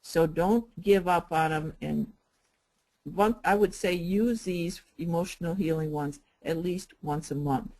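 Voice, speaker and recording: An older woman teaching a spiritual healing workshop in a gentle, unhurried way, repeating and spelling out her points. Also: fairly low pitch, rough recording.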